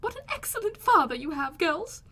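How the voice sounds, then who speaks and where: Lady doing a fretful middle-aged mum from a novel, really high and shrill, swoops all over the place. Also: very animated, normal speed, bright, forceful tone, full character voice. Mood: delighted, gushing. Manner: shrill, gushing, exclamatory. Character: excitable, fretful middle-aged mother, easily offended. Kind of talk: audiobook character voice.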